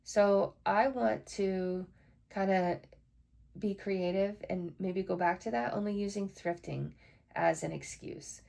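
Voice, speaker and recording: A woman's voice: mid-range voice, fairly even intonation, slow pace, vocal fry, a little mellow. A woman hosting a casual solo podcast, chatty and frank, swearing now and then when frustrated. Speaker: podcast host.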